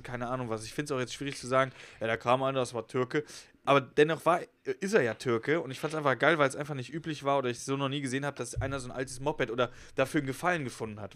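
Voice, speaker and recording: A man's voice: medium pitch, fairly bright tone. A young man telling a story in casual, slangy podcast chat, as a co-host.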